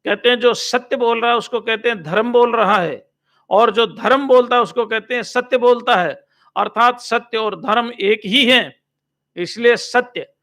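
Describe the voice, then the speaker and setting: A swami giving a slow, measured religious discourse, chanting Sanskrit verses and explaining each one. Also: male voice, extremely high pitch, fairly bright tone.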